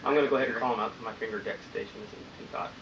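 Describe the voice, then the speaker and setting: A man's voice: lowish voice, steady tone, very fast, gravelly. A man running the camera and directing a homemade skit, counting down takes and joking about his own slip-ups. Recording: distant, dull home camcorder audio with noticeable hiss.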